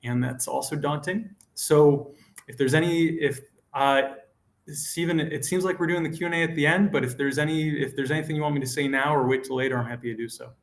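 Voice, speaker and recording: A man's voice: a little high, fairly even intonation, brisk, reverberant. A man who is a rabbinical student gives an earnest, emphatic panel talk with some restarts.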